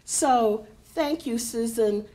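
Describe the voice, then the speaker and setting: An older woman directing a poetry center gives welcoming remarks to a live audience in a university lecture hall, speaking into a podium mic to introduce a reading. Her big, slightly high voice is warm and chatty, slow and unhurried, with frequent fillers.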